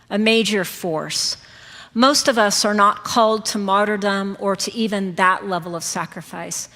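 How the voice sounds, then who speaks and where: Middle-aged woman preacher, conversational storyteller, crisp bright tone, long church reverb. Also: mid-range voice. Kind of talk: sermon.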